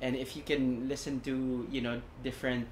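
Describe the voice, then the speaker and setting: A man's voice: mid-range voice, little pitch movement, moderate pace, a little mellow, echoey room. A man in his thirties co-hosting a casual home podcast, rambling and teasing with frequent laughs, on a lapel mic. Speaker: podcast co-host. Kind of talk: casual chat. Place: home in a busy city district. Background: faint street traffic.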